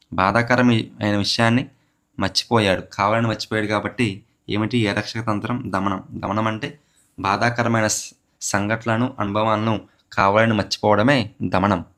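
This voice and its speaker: A lowish, fairly bright male voice leads a walkthrough of an exam question in a psychology class for a teacher exam. The man poses each question and answers it himself, repeating key terms again and again to make them stick.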